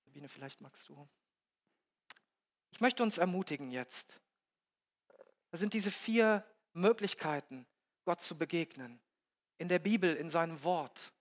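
A man preaching a sermon, swinging between loud emphatic peaks and hushed, quiet passages. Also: a little high, unhurried, pauses often. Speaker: pastor. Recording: long hall reverb.

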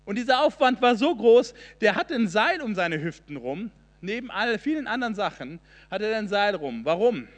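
Impassioned preacher, high voice, big hall. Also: male voice, big pitch swings, moderate pace, few pauses. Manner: impassioned, emphatic preaching with repeated phrases. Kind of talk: sermon. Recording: long hall reverb.

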